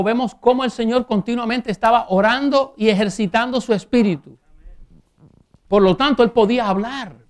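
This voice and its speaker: A man preaching a sermon, reading scripture aloud and asking rhetorical questions, slowing down on key phrases. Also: very high-pitched. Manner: reads scripture aloud and comments.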